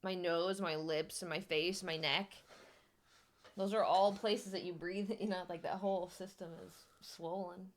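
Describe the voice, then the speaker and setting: A woman's voice: fairly low pitch, steady tone, a little slow. A young woman with a Wisconsin accent chatting casually on a livestream in a candid, giggly, teasing way. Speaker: livestream host.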